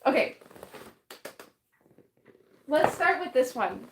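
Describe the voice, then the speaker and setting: A woman with a high, light voice chats on her live stream while opening fan mail. She talks slowly and rambles, trailing off and restarting her sentences, with small giggles in between. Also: animated, background noise. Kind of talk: casual live stream chat.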